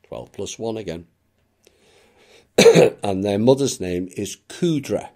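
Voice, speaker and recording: A man giving a reflective spoken monologue as a channel narrator, measured and unhurried, with occasional dry asides. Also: fairly low pitch, expressive, a little mellow.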